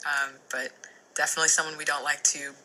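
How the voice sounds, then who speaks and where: A woman's voice: low voice, little pitch movement, fast, bright, forceful tone, rough recording. A young adult woman answering as an interview guest in a chatty, informal and agreeable way. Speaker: company co-founder, interview guest. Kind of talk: casual chat in an interview.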